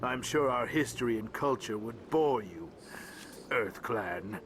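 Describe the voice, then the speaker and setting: A man's voice: mid-range voice, expressive, unhurried, lightly acted. A man playing a small alien diplomat in a video game, formal and dismissive. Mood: condescending. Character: small, condescending alien diplomat, trader by nature. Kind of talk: video game character dialogue. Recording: game music over the voice.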